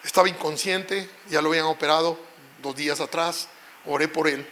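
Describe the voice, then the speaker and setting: Male pastor, middle-aged, high bright voice, emotional storytelling sermon. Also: steady tone, moderate pace, a little hiss or hum.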